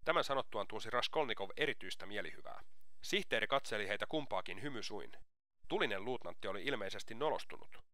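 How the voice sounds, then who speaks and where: A male audiobook narrator reading in a steady, measured way. His voice is lowish, bright and forceful. The recording is dry and close, with no room sound. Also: no echo. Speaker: audiobook reader. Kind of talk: scripted narration.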